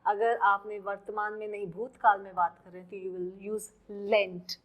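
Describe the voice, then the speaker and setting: A woman teaching an English vocabulary lesson with an Indian English accent, switching between Hindi and English and repeating words slowly for pronunciation. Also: mid-range voice, flat delivery, low-quality recording.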